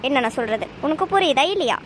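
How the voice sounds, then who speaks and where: A woman's voice: sits high, expressive, fast, slight background noise. A woman voicing a doting, scheming middle-aged mother-in-law in a cartoon, melodramatic and self-pitying. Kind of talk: cartoon voice acting.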